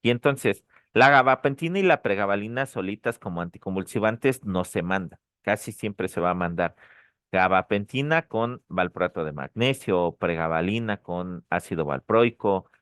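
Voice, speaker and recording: Low-voiced man teaching pharmacology online. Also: expressive, normal speed, a bit bright, smooth, no echo, studio quality. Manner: repeats key points, checks in with "ok?". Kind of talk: online lecture. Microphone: dry close mic, online session.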